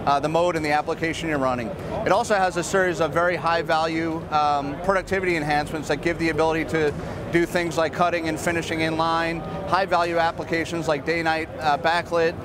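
Fifties male exec, upbeat sales pitch, slightly high voice, lapel mic, noisy trade hall. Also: fairly even intonation. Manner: brisk, upbeat sales talk with frequent "uh" fillers. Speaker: marketing executive. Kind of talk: trade show product walkthrough. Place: busy indoor trade fair hall. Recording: clear trade hall ambience behind.

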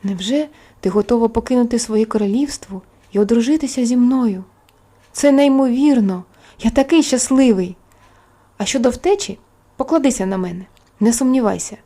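A woman's voice: a little high, dark tone. A woman reading a tender young lover. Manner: slow, tender and reassuring. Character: young male craftsman, loving and tender.

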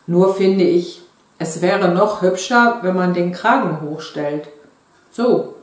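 A woman's voice: lowish voice, slow pace. A woman voicing a gushing middle-aged wife delighted by a doll, read in a very echoey room.

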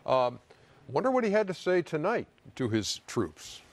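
A man's voice: fairly high pitch, big pitch swings, unhurried, noisy background. A man hosting a sports broadcast from a TV studio, speaking as a presenter.

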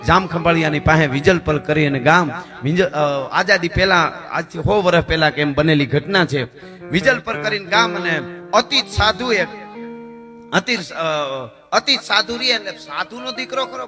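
A man with a Kathiawadi Gujarati accent, telling a folk story in dayro style with dramatic, rhythmic recitation. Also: a little high. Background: guitar music.

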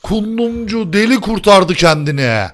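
A young man hosting a game stream, joking, laughing and shouting excitedly at the action. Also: high voice, a little slow. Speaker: host. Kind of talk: excited gaming commentary.

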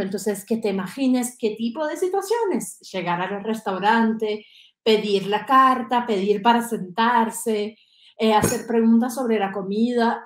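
A woman teaching French in an online lesson, drilling phrases slowly and carefully. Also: a little high, roomy sound.

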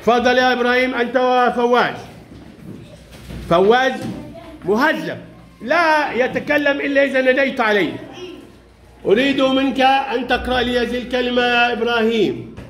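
A man teaching young pupils in a classroom, brisk and playful, calling each child up by name. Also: very high-pitched, a bit bright. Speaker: primary school Arabic teacher.

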